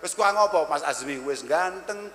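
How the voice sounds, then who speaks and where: A man's voice: fairly high pitch, animated, moderate pace, fairly bright tone, slight background noise. A man in his thirties with a Javanese accent, preaching a humorous sermon to a live crowd, blunt and teasing, mixing Arabic recitation with jokes. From Java, Indonesia. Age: 30s. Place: large event hall. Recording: echoey hall with long reverb, faint crowd ambience.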